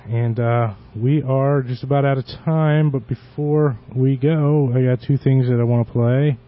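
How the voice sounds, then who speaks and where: A man hosting a show with casual, unscripted talk in a halting, rambling manner. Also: mid-range voice, fairly even intonation. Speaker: podcast host. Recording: dull lo-fi internet radio audio.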